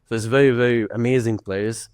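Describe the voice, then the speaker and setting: A man speaking as a guest on a remote podcast interview, relaxed and rambling, with lots of "like" and "right". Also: mid-range voice, quick pace, clear, resonant tone, no echo, studio quality. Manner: relaxed, rambling, uses many fillers. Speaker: podcast guest, tech company founder. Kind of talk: casual interview answers.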